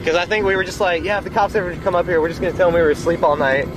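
A man's voice: sits high, fairly even intonation, very fast, background noise. A young man chatting loosely with friends in a car, recorded on an old home video tape, rambling with lots of "like". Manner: rambling, full of "like". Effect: old home video tape sound. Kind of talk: casual chat among friends.

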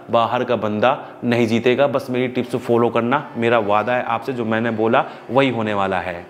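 A man's voice: mid-range voice, slight background noise. A man giving fantasy cricket tips in a chatty, emphatic way, talking straight to his viewers. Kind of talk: casual analysis video.

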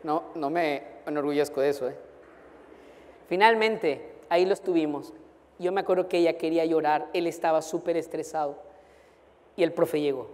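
A man who is a pastor, telling a humorous, animated story during a sermon to students. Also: on the high side, moderate pace, pauses often. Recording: long hall reverb.

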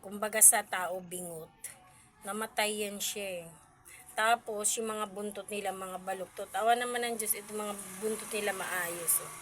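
A woman's voice: medium pitch, steady tone, normal speed, a bit bright, soft background music. A woman vlogging casually at home about her cats, chatty and cooing baby talk at the kittens.

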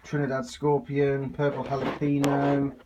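Speaking at a measured pace in a monotone, medium-pitched voice, a man leads a casual, off-the-cuff tour of his allotment as an amateur gardening vlogger. It's filmed outdoors on a handheld camera or phone, and the audio sounds dull and clearly noisy.

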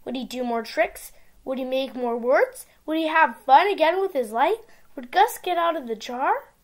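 High, animated woman reading to young children. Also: normal speed. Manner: simple, expressive storytelling. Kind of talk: reading a picture book aloud to young children. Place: small indoor room with bookshelves.

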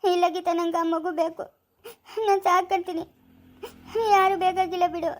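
A woman's voice: very high-pitched, level tone, normal speed. A woman with a rural Chikkaballapura Kannada accent plays a poor village woman who insists on raising a baby herself. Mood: determined. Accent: rural Kannada of the Chikkaballapura area. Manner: stubborn, emphatic. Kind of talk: amateur family drama acting.

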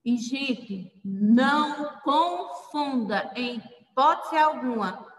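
A woman's voice: sits high, expressive, drawn-out words. A woman teacher patiently explaining a spelling lesson to children, spelling out letters one by one. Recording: echoey room, mic far off.

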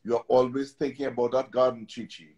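A man's voice: mid-range voice, level tone, quick pace, darkish tone, lightly acted. A man voicing a patient, sensible older male monkey in a storybook reading. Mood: chiding.

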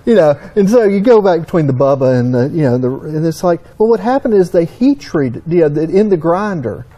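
Middle-aged Southern US man, folksy technical explainer; high-pitched, mellow tone. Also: big pitch swings, a little fast, husky. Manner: folksy, storytelling. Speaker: engine consultant.

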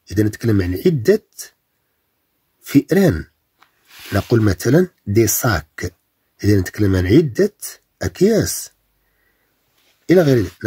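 A man from Morocco with a Moroccan Arabic accent teaching beginner French, saying the French examples slowly and drawn out, then explaining them in Arabic. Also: fairly low pitch, mellow, slightly rough, no room sound. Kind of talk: bilingual French lesson for beginners.

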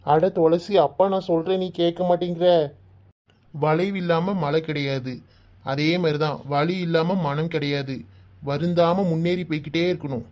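Woman playing a low-pitched cartoon village dad, soft-spoken and full of fatherly advice. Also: steady tone, moderate pace, lightly acted. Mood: consoling. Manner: soothing, fatherly advice and comic storytelling. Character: caring village father, gentle and joking. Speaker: father figure. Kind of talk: Tamil cartoon voice acting.

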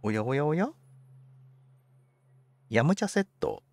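A man's voice: on the high side, very animated, a little slow, darkish tone, no echo. A man commentating on a game for a livestream, politely musing aloud to himself in casual chat. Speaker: game streamer.

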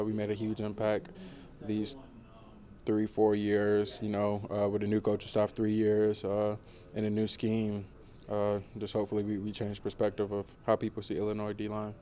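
A young man in his twenties, a college football player, answering questions in a relaxed postgame press interview, with many fillers. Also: fairly low pitch. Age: 20s. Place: indoor media room before a banner.

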